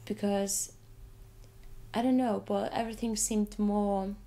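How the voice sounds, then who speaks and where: In this interview, an Icelandic woman describes her photographs in her second language, English; she is an artist and speaks hesitantly, with repeated words and restarted sentences. Her voice is warm and mid-range, steady in tone, and she takes it slowly.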